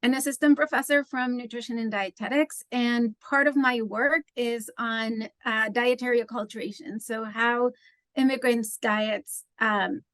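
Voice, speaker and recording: A woman's voice: a little high, steady tone, unhurried, fairly bright tone, no echo. A woman from Mexico, an assistant professor asking a chatty question at a talk. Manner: chatty, thinking aloud.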